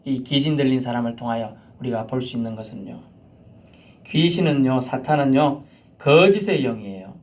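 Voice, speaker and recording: A man preaching a sermon, swinging from loud shouted commands down to near-whispers. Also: medium pitch, normal speed. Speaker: pastor.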